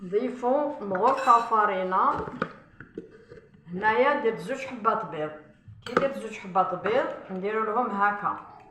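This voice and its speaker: A woman's voice: medium pitch, expressive, moderate pace, echoey room, noisy background. A woman with an Algerian Arabic accent, a chef walking viewers through a recipe step by step while cooking and often saying "voilà".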